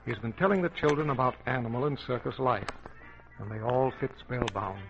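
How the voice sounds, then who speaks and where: A man announcing and narrating a scripted adventure story in a measured, formal manner on an old radio show. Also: medium pitch. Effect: old radio show sound. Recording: dull lo-fi old radio recording with faint music.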